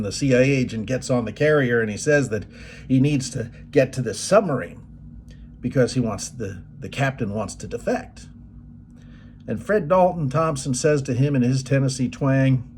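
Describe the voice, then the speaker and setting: A man's voice: medium pitch, a little mellow, a little hiss or hum. A middle-aged man giving a motivational presentation, telling movie stories in a folksy way. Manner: folksy storytelling, quoting movie lines.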